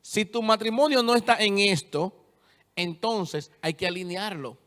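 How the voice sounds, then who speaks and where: A young male preacher with a fairly high voice delivers a sermon, retelling scripture and pressing each point home with firm, repeated statements. His words ring out with a long reverb, as in a church hall. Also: unhurried, fairly bright tone.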